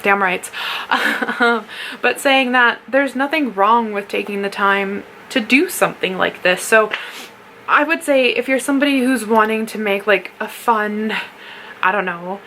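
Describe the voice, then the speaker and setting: A woman with a mid-pitched voice talks through a casual review as the host. She rambles in a tipsy, playful way and swears freely. There is some faint noise behind her. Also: unhurried, bright, forceful tone, low-quality recording. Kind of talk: casual solo review chat to camera.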